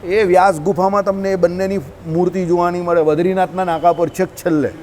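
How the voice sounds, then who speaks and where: A man's voice: sits high, little pitch movement, brisk, darkish tone, a little hiss or hum. A man with a Gujarati accent giving an informal scripture talk to a group, often checking with listeners by asking questions. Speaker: religious discourse teacher.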